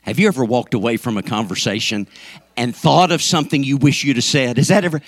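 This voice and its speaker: A man preaches to his congregation in a church sanctuary, folksy and joking, rising now and then to emphatic peaks. His mid-range voice moves fast, and the recording is dry.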